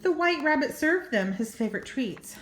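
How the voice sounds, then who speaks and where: Reading a children's story in an echoey room, a grandmother brings expression to the text and slips in little asides. She speaks at a normal speed in a high-sitting, expressive voice.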